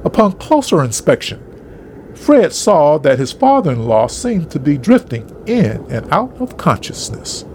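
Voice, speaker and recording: A man reading a story aloud in an expressive, dramatic narration style. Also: a little high, measured pace, a little hiss or hum.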